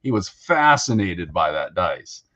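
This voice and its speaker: A man co-hosting a casual hobby podcast, talking in a relaxed, rambling way with lots of fillers. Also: low-pitched, measured pace, lo-fi sound. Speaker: co-host.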